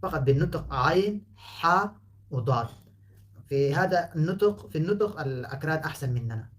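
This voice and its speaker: A man whose first language is Pashto gives a relaxed spoken lesson, patiently explaining and repeating words to show how they are pronounced. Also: on the high side, fairly quick. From Afghanistan. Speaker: language teacher.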